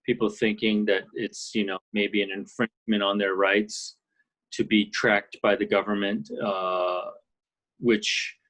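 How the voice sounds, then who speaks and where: Low-voiced man on a video call. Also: unhurried, fairly bright tone. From Canada. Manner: thoughtful, many fillers and restarts. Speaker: guest, orchestral percussionist. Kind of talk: casual interview chat. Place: ski and golf resort, indoors.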